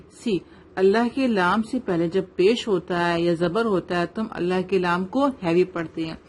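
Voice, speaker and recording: Pakistani lady teaching tajweed, slow careful recitation, keeps asking right?. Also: on the low side. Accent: Pakistani Urdu. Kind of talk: online tajweed lesson.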